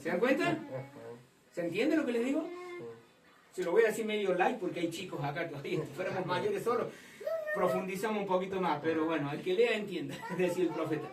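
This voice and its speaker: A woman preaching a fervent sermon to a congregation, rising to loud emphatic passages. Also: fairly low pitch, lively intonation, fast, crowd noise. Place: church hall. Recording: echoey hall from far off.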